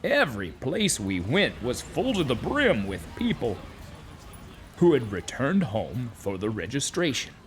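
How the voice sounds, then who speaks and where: A man playing a weary, aggrieved donkey who tells his journey for a children's audio drama, with deliberate dramatic pauses. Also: mid-range voice, huge pitch swings. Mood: rueful. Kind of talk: first-person children's audio drama narration. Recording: noisy, with animal and cricket ambience.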